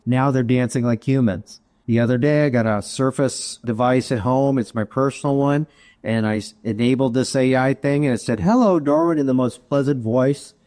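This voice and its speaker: A man's voice: medium pitch, steady tone, moderate pace, a little mellow. Chatty middle-aged man telling stories. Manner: chatty, storytelling, jokes at himself. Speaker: guest, information security executive. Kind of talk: casual interview answer.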